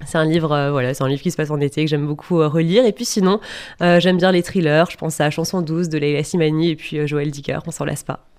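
A woman's voice: deep voice, fairly even intonation, fast, a little mellow, smooth. A woman, a radio guest, sharing a favourite summer read in an easygoing way with many small fillers.

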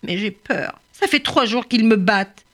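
A woman's voice: a little high, expressive, a little slow, fairly bright tone, voice pushed up. Woman voicing a timid young female ostrich. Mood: frightened.

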